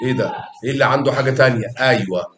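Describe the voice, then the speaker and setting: A man's voice: mid-range voice, racing, fairly bright tone, echoey room. A man with an Egyptian accent teaching a math lesson, coaxing students with questions and repetition. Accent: Egyptian Arabic. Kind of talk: lively classroom explanation.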